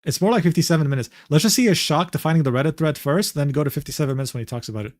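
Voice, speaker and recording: A man with a fairly high voice, streaming live and reacting to clips in a brash, profane way. The recording is close and dry. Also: very fast, a little mellow, no room sound.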